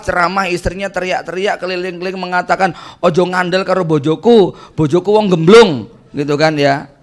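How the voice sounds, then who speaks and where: A man giving a casual Islamic study lecture as preacher and family counselor, talking conversationally and animatedly and tagging his phrases with little checks to the audience. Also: high-pitched. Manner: conversational, tags nearly every phrase with "ya" and "gitu kan"; animated, jumps between stress and quiet asides.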